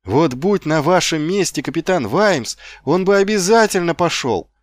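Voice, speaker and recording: An earnest young guard recruit, bright and rousing, as an audiobook narrator puts him on. He talks raised and impatient, lively in pitch, in a dry, close recording. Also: normal speed, no room sound.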